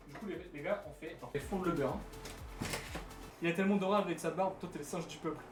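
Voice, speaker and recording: Fast-talking young man with crude banter. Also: on the high side, echoey room, over music. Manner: fast, crude joking, playful threats. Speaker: guest cook. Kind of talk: casual livestream banter.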